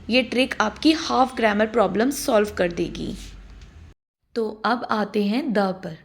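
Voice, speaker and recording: Indian woman, teacher, slow deliberate delivery, gravelly voice, fairly high pitch. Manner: slow, deliberate, spells out English examples. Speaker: English teacher. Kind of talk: scripted explainer lesson.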